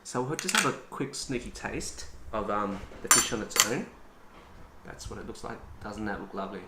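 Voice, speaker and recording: A man hosting a casual cooking demonstration, chatty and relaxed with frequent ums. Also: on the low side, moderate pace, roomy sound, very noisy. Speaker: cooking channel host.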